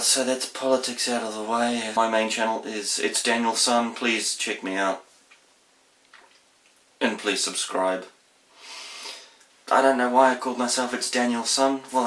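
A man's voice: mid-range voice, fairly bright tone. A man in his thirties with a broad New Zealand accent, chatting casually to the camera in a goofy, playful, rambling way and repeating his phrases. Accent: broad New Zealand (Kiwi). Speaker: vlogger, guest presenter. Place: small plain room indoors. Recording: roomy indoor echo.

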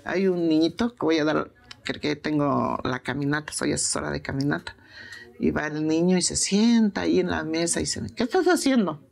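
Older Mexican woman, gravelly low voice, blunt and insistent. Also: moderate pace, darkish tone. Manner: plain-spoken, insistent, repeats herself for emphasis. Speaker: interviewee. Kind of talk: emotional interview testimony. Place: prison.

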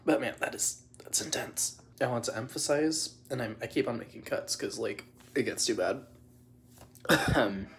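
A young man talks haltingly to his camera at home while his mouth burns from spicy food. His mid-pitched voice is slow, pained and breathless, broken by sighs and swearing. There is faint noise on the recording. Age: young adult. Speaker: video creator doing a food challenge. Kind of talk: casual reaction vlog. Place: small room at home.

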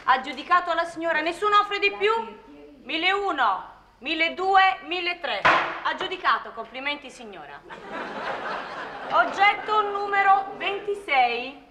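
An actress playing a brisk, formal auctioneer in a comedy sketch, declaiming lots and repeating bids. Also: female voice, very high-pitched, animated. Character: brisk, formal female auctioneer selling antiques. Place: lounge with seated bidders. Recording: echoey noisy room with crowd.

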